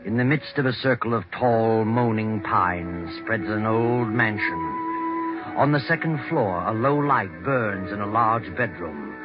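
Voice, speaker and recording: An actor playing a sinister night-walking storyteller, narrating a 1940s radio mystery in a slow, brooding, theatrical way. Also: male voice, fairly low pitch, expressive. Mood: ominous. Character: the Whistler, sinister night-walking teller of dark tales. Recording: muffled 1940s radio recording with music.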